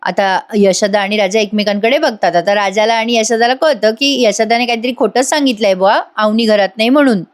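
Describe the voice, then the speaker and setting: Woman doing a serial episode review voiceover, highish voice, chatty, talks straight to listeners. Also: fairly quick, hardly any pauses. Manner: animated, addressing listeners directly.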